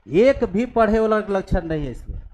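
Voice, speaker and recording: A male maths teacher with a high-sitting, slightly mellow voice and big pitch swings bluntly scolds his class at normal speed. He then works through a calculus problem on the board in his lecture, mixing in English maths terms.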